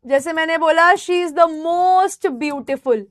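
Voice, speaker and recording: A woman English teacher running a live online class, explaining patiently, calling her students "beta", and slowing down to stress example words. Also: very high-pitched, no room sound, clean studio sound.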